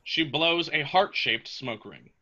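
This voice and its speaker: Very bright, forceful male script narrator. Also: a little high, animated, takes it slowly, muffled recording. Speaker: narrator reading stage directions.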